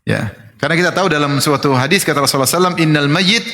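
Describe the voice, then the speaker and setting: A male Islamic preacher giving a sermon, who recites Arabic passages slowly and then explains them in a lively, conversational way. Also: on the high side. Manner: lively, mimics wailing mourners in quoted asides. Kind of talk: sermon lecture. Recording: long hall reverb.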